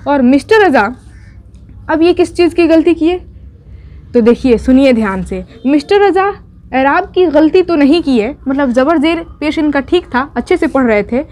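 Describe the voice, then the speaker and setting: A woman's voice: sits high, lively intonation, moderate pace, darkish tone. A young woman teacher who retells a story for her students, voicing its characters' lines and adding exam tips.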